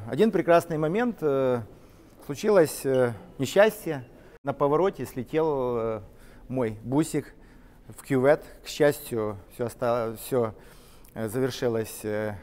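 A middle-aged man, a company co-founder, telling his story in an interview, lively and gesturing as he walks through large factory halls. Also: medium pitch, measured pace, big-room sound. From Ukraine. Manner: animated, gesturing while walking and talking. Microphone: camera-mounted shotgun mic.

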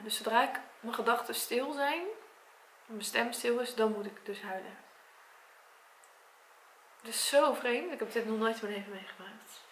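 A Dutch woman in her twenties talking to her camera at her parents' home, tearful and congested from crying, in a soft, halting voice. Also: on the high side, roomy sound, slight background noise. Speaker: vlogger and primary school teacher. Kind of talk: personal vlog talk to camera. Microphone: camera mic.

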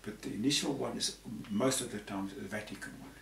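With a lowish, creaky, slightly bright voice, a Zambian man in his sixties speaks fairly quickly as a panel guest. He rambles conversationally as he explains and repeats words often. The room has a patterned tapestry backdrop, and the recording comes across as roomy and distant, with a faint hiss.

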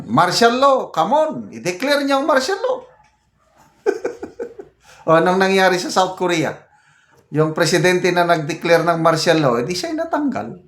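An older Filipino man, a retired general, giving casual political commentary, reading comments aloud and growing indignant. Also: a little high. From Philippines. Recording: roomy echo.

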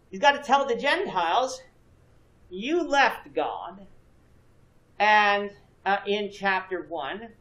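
A man's voice: high-pitched, fairly bright tone. Man, thirties, Bible class teacher, earnest, asks the class questions, roomy echo, distant mic. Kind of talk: church Bible class lecture. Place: church classroom with a projection screen. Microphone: far camera, no visible mic. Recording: echoey room from a distance.

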